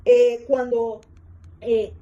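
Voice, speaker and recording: A woman's voice: fairly high pitch, little pitch movement, drawn-out words, warm tone, dull audio. Rambling woman telling a story. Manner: rambling, repeats herself, many fillers. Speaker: vlogger telling a personal story. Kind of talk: casual storytelling monologue.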